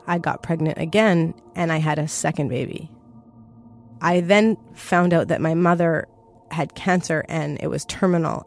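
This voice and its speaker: A woman's voice: deep voice, a little mellow. A woman telling a personal story to an audience in an earnest, vivid way.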